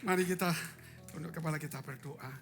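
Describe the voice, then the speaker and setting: A male pastor preaching a live church sermon, swinging from loud cries to hushed asides and putting questions to the congregation. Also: on the high side, fairly quick, soft background music. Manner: humorous, asks the congregation questions. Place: church sanctuary.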